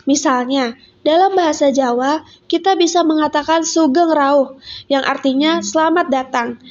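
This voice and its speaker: A woman student reading an educational narration in a steady, careful way. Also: high-pitched. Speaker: student presenter. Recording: dull lo-fi sound.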